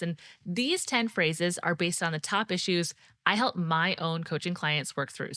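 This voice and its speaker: Bright, dry-voiced woman coaching leaders. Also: fairly low pitch, no echo. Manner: warm direct coaching, speaks to the listener as friend. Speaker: podcast host and leadership coach. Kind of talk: scripted solo podcast teaching.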